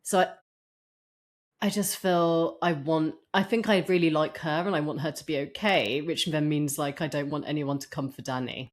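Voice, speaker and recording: A woman with a lowish voice talks in easy, casual chat as a co-host. She is chatty and laughs often. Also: steady tone, normal speed. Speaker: podcast co-host.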